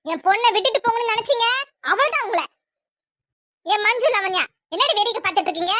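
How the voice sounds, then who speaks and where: A woman's voice: extremely high pitch, lively intonation, quick pace, pushed and bright, dry recording, clean studio sound, heavily acted. A woman voicing a firm, commanding middle-aged mother in a cartoon who defends her daughter. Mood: stern.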